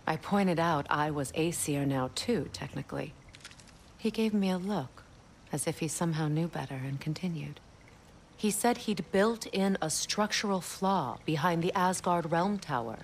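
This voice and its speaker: A woman voicing a regal, weary goddess queen with a measured, storytelling manner and dry sarcasm in video game dialogue. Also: sits low, expressive, a little hiss or hum, poor audio.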